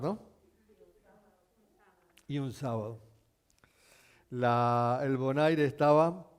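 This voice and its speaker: A male pastor preaching a sermon, telling stories with animation and asking his congregation questions, at times rising to near shouting. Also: a little high. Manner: addresses the congregation with frequent questions.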